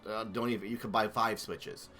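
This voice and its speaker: A man's voice: lowish voice, little pitch movement, moderate pace, bright, forceful tone, soft background music. A man streaming and commentating a video game comparison in a chatty, enthusiastic way. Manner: chatty, enthusiastic, thinks aloud. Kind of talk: casual gameplay commentary.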